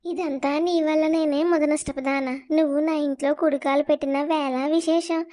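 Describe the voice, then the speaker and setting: Shrill scolding village mother-in-law in a cartoon, voiced by a performer, flat high voice. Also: normal speed, close to an everyday voice. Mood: cursing. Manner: scolding, cursing.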